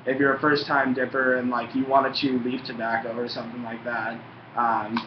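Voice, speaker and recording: A man's voice: medium pitch, level tone, normal speed. A young man chats casually and rambles, swearing in a laid-back way, his lip packed with chewing tobacco. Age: young adult. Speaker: tobacco review vlogger. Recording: muffled, roomy, faintly noisy home recording.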